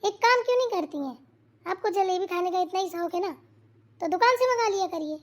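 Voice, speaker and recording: A woman's very high-pitched, animated voice brings a cartoon's meddling young sister-in-law to life. Quick and bossy, the character keeps dispensing orders and advice.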